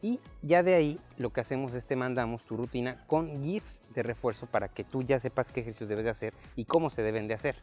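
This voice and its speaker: A man in his thirties hosts a relaxed fitness talk in an outdoor park, his voice mid-pitched and easy. He speaks loosely with fillers, recorded on a lapel mic with faint music underneath. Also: a little fast, few pauses. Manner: relaxed, conversational, frequent fillers. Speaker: fitness coach and host. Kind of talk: casual fitness chat. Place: outdoor park workout area.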